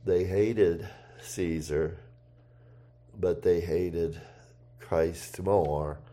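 Slow, deliberate male preacher. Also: sits low, fairly even intonation. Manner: reads scripture aloud, rising for quoted shouts; slow, deliberate delivery with pauses and fillers. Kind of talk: sermon.

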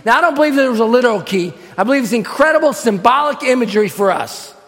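A man preaching a fervent sermon, swinging between quiet teaching and shouted, drawn-out emphatic lines. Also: very high voice, lively intonation. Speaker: pastor. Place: church sanctuary. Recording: long hall reverb.

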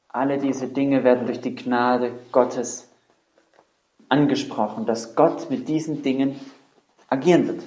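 A man's voice: medium pitch, darkish tone. A man preaching a sermon earnestly and emphatically, with rhetorical questions and repetition. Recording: roomy, dull lo-fi sound.

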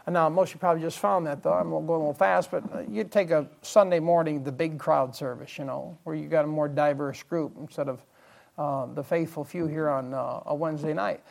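A man's voice: fairly high pitch, fairly even intonation, fairly quick, vocal fry, darkish tone. A man preaching a midweek evening sermon in church, explaining Bible verses, repeating key phrases and asking the congregation rhetorical questions. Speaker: pastor.

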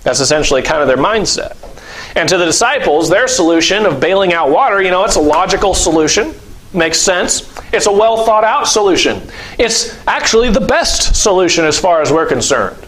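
A man's voice: high-pitched, fairly quick, rough recording. A man preaching a sermon in a loose, conversational way, often acting out scenes and laughing. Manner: acts out scenes with lively voices and laughs; conversational, uses many fillers.

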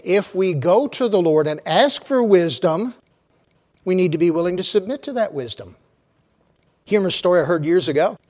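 A man preaching a sermon, telling stories with big swings in loudness and slowing low for emphasis. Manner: slows and drops low for emphasis. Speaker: pastor.

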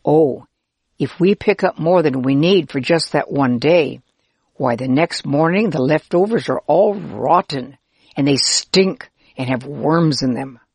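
A woman's voice: deep voice, unhurried, darkish tone, breathy edge, no room sound, full character voice. A woman voicing a friendly, helpful Israelite man who laughs easily and explains patiently in a children's storybook. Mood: reassuring.

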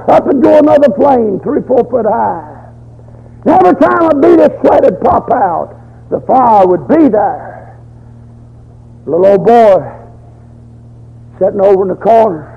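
A man's voice: very high voice, creaky, breathy edge. An older man preaching a folksy, fervent storytelling sermon, in a dull lo-fi recording.

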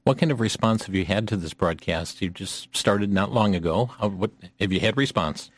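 A man's voice: on the low side, normal speed, no room sound. A man interviewing a guest, asking short questions and adding brief, encouraging prompts.

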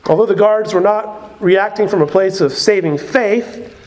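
A man's voice: high-pitched, unhurried, a little mellow. A man preaching a sermon as a pastor, in a conversational way with frequent asides.

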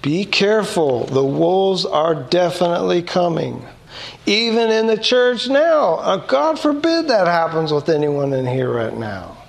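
A pastor preaching slowly and deliberately, his voice gravelly with a slight rasp at the edges. He sits a touch high for a man and talks to his congregation conversationally, reading scripture aloud and posing rhetorical questions. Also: sing-song. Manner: reads scripture aloud between comments. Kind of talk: sermon.

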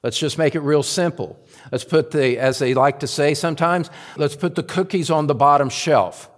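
A man preaching a sermon, earnestly calling his listeners beloved, his voice climbing higher and louder for emphasis before dropping low again, and slowing down on key phrases. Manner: builds in pitch and loudness for emphasis, then drops low. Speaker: pastor.

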